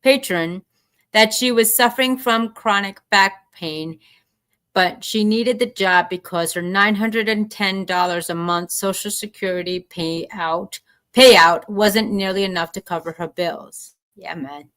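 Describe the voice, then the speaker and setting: A woman's voice: mid-range voice, a little slow, a bit bright. A woman co-hosting a casual show, reading a news story aloud and stopping often to comment on the wording. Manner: chatty, stumbles and comments while reading.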